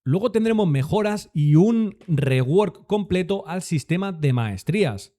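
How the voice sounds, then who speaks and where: A man's voice: high-pitched, expressive, measured pace, warm tone. Upbeat young man with Spanish accent. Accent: Spain Spanish. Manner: explanatory, upbeat, addresses viewers as "gente". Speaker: gaming content creator. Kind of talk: game update rundown.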